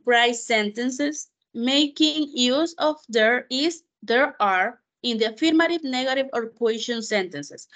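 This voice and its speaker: A woman teaching English in an online class, explaining slowly in Spanish and repeating English words to model how they sound. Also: a little high, a bit bright. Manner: slow, careful, repeats words to model pronunciation.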